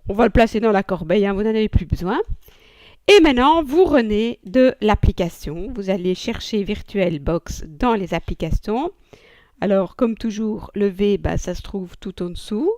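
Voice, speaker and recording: A woman teacher walking students through a software installation step by step, chatty and joking as she goes. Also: mid-range voice, dry recording, studio quality. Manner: chatty, thinking aloud with fillers and little jokes. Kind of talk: screen-recorded software tutorial.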